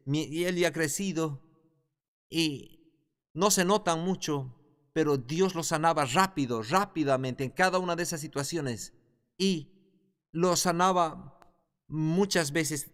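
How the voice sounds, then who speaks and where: A man teaching a Bible class in a sermon style, emphatic and repeating his key phrases. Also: on the high side. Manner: emphatic, repeats phrases, rising when stressing points. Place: church or classroom hall. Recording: echoey hall reverb.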